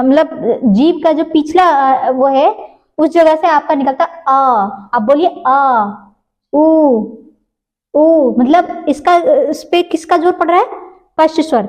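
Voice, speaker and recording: In a patient, animated classroom style, a high-voiced woman works through a grammar lesson, her tone a little mellow. She asks the class questions only to answer them herself, revisits each point slowly, and draws out the sounds she demonstrates. The recording is rough.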